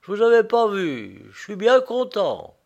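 A coarse, blunt condemned prisoner, as a male reader puts him on in a storybook reading. His voice rises higher and louder than the narration, with rough working-class speech. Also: a little slow, muffled recording, close to an everyday voice. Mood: relieved.

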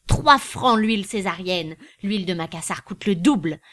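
A woman's voice: medium pitch, animated, moderate pace, fairly bright tone, natural voice. Woman voicing a boastful exultant perfumer. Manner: grandiose, exclamatory. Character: exuberant middle-aged male perfumer, boastful.

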